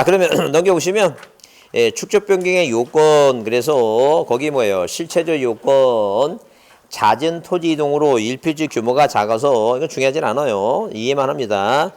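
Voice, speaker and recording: A middle-aged man giving an exam-prep lecture, constantly quizzing his students with rhetorical questions and drilling memory tricks. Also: mid-range voice. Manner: mnemonic chanting, lively delivery.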